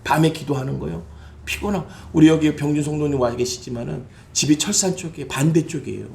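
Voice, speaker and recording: A male pastor preaching a Sunday sermon, moving from low, confiding asides to shouted exclamations. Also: fast, gravelly.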